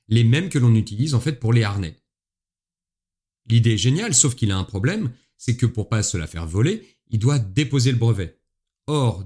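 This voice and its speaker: A man's voice: medium pitch, a little mellow. Podcast host, a man from France, casual explainer, friendly asides. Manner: chatty, playful asides to listeners. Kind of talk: solo podcast explainer on history.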